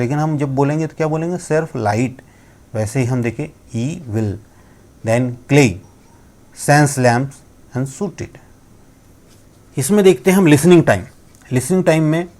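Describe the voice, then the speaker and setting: A man giving a spoken lesson on English pronunciation, explaining in Hindi with English words mixed in and slowly spelling out sounds. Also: a little high, mellow. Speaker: English teacher. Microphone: laptop screen recording.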